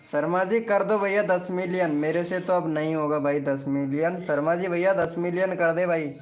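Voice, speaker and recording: A man's voice: high-pitched, steady tone, moderate pace. A man hosting a casual live stream, chatting and teasing with his viewers.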